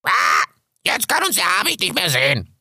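A man voicing a grumpy, scruffy male raven in an audiobook, croaking and scolding theatrically. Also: sits high, wildly swooping pitch, moderate pace, sharp tone, no room sound, studio quality, voice pushed up, exaggerated voice. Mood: wry. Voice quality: gravelly, husky croak. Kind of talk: audiobook character voice.

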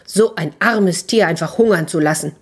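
A woman voicing a quick-tempered old tailor who blusters and rages at his sons. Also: lowish voice, breathy edge. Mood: furious.

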